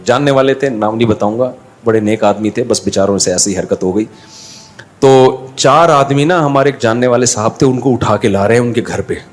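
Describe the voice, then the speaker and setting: A middle-aged man telling anecdotes over a drawing video, animated and acting out other people's lines. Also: medium pitch. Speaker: drawing channel host.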